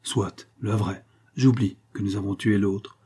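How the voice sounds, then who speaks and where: A man's voice: medium pitch, expressive, normal speed, mellow, breathy edge. A man reading a sly, cheerful and scheming male accomplice in an audiobook, with a mocking, easygoing manner.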